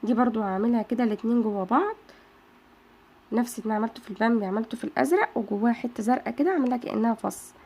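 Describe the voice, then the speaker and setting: This craft channel host talks rapid-fire in a high-ish, darkish, slightly rough voice marked by an Egyptian Arabic accent. She chats straight to her viewers throughout the tutorial, addressing them as girls.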